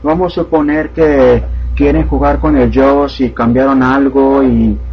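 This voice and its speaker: A man giving an informal step-by-step software tutorial as an instructor. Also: medium pitch, steady tone, a little slow, slightly rough. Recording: dull lo-fi, faint background hum.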